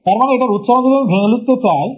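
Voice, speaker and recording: Young adult male tutor, high voice, patient step-by-step live lesson delivery. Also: animated, very fast, darkish tone. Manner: repeats key terms, explains step by step. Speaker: teacher. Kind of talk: live online exam-prep lesson.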